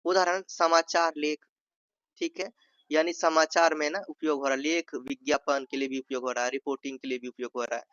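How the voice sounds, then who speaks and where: A man's voice: on the high side, little pitch movement, brisk, fairly bright tone, clear, resonant tone, no echo, lo-fi sound. A man teaching an exam-prep lesson, going over each point twice, checking in with "ठीक है" and acting out sample sentences in different tones. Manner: repeats points, says "ठीक है" often, acts out sample tones. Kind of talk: explanatory Hindi lesson.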